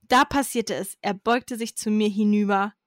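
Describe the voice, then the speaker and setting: A woman's voice: mid-range voice, steady tone, normal speed, no room sound, studio quality. A young woman reading her childhood story aloud with amused asides, sometimes stumbling over words.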